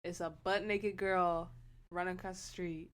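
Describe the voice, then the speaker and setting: A woman's voice: on the low side, flat delivery, moderate pace, fairly bright tone. A young adult woman podcast host with a slushy lisp on her s sounds, chatting casually in a blunt, slangy, sweary way. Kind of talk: casual chat. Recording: noisy room ambience.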